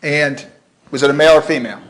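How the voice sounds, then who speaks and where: A man's voice: on the high side, fast, a bit bright, low-quality recording. A man questioning a witness as a prosecutor in a formal, methodical way, in a courtroom recording.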